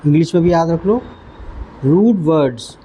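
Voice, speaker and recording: A man teaching English vocabulary, who repeats each word slowly and stops to quiz the listener. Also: on the high side, expressive, mellow, a little hiss or hum, low-quality recording. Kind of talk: vocabulary lesson.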